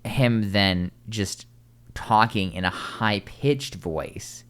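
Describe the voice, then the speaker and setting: A man hosting a casual podcast, rambling with quick asides and restarts. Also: fairly low pitch, fairly bright tone, clear, resonant tone. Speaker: podcast host.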